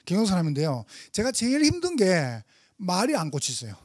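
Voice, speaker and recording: A man with a Gyeongsang accent preaching a testimony sermon in church, animated and humorous, talking fast. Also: high voice, no room sound, clean studio sound. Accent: Gyeongsang Korean. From Gyeongsang Province, Korea. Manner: fast talker. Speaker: pastor.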